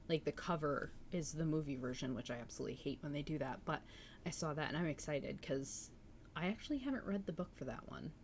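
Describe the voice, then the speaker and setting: This woman's low, darkish voice carries a chatty, enthusiastic book-reading livestream she hosts, where she responds to comments from the chat. A little background noise is audible.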